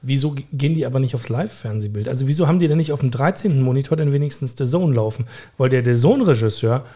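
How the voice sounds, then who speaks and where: Male podcast co-host, warm dark tone, rambling casual football banter. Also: mid-range voice, animated, rapid-fire. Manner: rambling, many fillers, dry humor.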